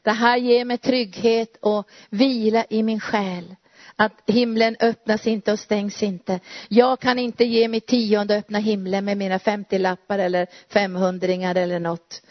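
Woman preaching a sermon, kinda flat steady tone, dull dry sound. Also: medium pitch, no echo. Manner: fervent, repetitive preaching with rhetorical questions. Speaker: preacher and Bible teacher.

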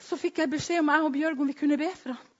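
Woman, preacher, sermon, emphatic, loud then hushed, higher voice, dull lo-fi recording. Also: steady tone.

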